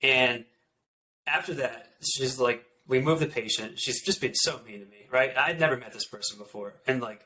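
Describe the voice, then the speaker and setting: A man in his thirties, an orthopedic surgeon, telling stories from residency in a casual, animated way full of "like" fillers. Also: medium pitch, normal speed, rough recording. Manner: animated, many "like" fillers, quotes others in asides. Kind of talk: casual podcast storytelling.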